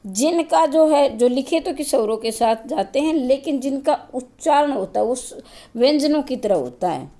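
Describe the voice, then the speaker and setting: A woman's voice: high-pitched, expressive, moderate pace, warm tone. A woman teacher giving a grammar lesson, explaining step by step, asking and answering her own questions, and repeating key points to her students. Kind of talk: classroom-style grammar lesson.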